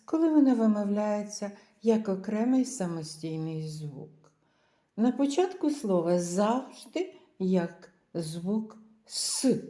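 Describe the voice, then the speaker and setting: A woman teaches a beginners' language lesson at a slow, deliberate pace, pronouncing each word and spelling it out letter by letter. Her voice is mellow and soft-edged, and it rings in a roomy, echoey space. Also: medium pitch. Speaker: English teacher.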